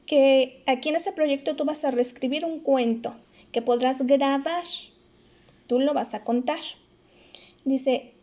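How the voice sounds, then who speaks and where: Woman teacher, high pitch, mellow tone, patient step-by-step explanations for young kids. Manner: affectionate, addresses pupils as "corazones". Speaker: primary school teacher. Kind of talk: remote classroom lesson.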